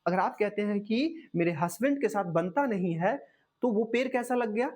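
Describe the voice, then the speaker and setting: A woman's voice: mid-range voice, expressive, moderate pace, a little mellow. Woman coaching with questions. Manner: asks listeners questions and answers them herself; calls listeners "dear my champion". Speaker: motivational coach. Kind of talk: motivational lesson.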